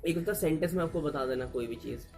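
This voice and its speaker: A man's voice: on the high side, quick pace, gravelly, soft background music. A man with an Indian accent, teaching idioms to learners and mixing Hindi with English as he explains. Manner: mixes Hindi and English, repeats and restarts to explain.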